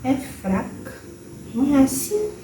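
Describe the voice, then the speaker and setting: A woman with a Brazilian accent channeling a gentle, wise old grandmother spirit, speaking slowly and soothingly in a motherly tone that drops into whispers, recorded from a distance in a roomy space. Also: high-pitched, big pitch swings, a little hiss or hum, exaggerated voice. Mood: tender. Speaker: spirit medium.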